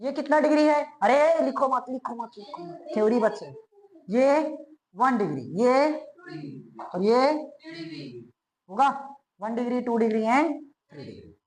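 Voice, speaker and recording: A woman with a somewhat high-pitched voice teaches a chemistry lesson. She keeps asking quick questions to check that her students follow, then answers them herself. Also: animated, a little mellow, slight background noise, rough recording. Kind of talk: classroom lecture.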